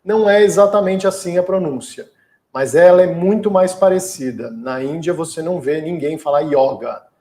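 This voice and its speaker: Brazilian guy, yoga teacher, patient explainer, kinda high voice, roomy echo. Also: normal speed, warm tone. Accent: Brazilian Portuguese. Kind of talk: casual lecture Q&A.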